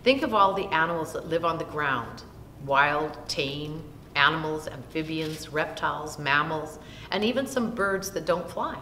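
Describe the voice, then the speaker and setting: An older woman slowly reads a Bible story aloud for children, seated in a small room and taking long lists word by word. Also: expressive, bright, forceful tone. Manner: slow, deliberate reading of long lists. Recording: roomy echo with long reverb and faint rumble.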